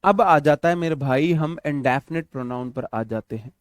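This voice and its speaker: A young male teacher with a Hindi accent walks students through English grammar for an exam-prep class, calling them brother and repeating each point several times. His voice sits a little high for a man. The recording is dry and close, with no room echo. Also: moderate pace, smooth. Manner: repetitive, addresses students as brother, asks them questions. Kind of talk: online exam-prep lesson.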